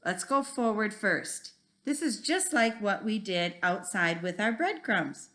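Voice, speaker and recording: A woman's voice: mid-range voice, animated, a little slow, pushed and bright. A woman teaching a first grade lesson, talking simply and encouragingly to children like a kids show host. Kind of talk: instructional math video lesson for young children.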